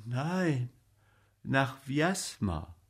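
A man's voice: medium pitch, sing-song, very slow, slightly rough, heavily acted. A man voicing a sick, despondent large male actor who mutters faintly.

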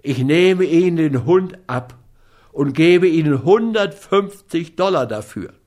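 A man voicing a stern, forceful man who gives orders and threats in a loud, firm voice. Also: on the high side, lively intonation, measured pace, pitched above the performer's own voice. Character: commanding, stern adult man, mining expert.

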